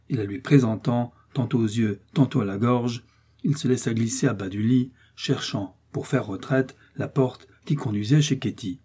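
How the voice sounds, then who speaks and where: A man narrating a classic novel aloud, expressive and rising with the action. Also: medium pitch, breathy edge. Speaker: audiobook narrator. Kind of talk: dramatic novel reading.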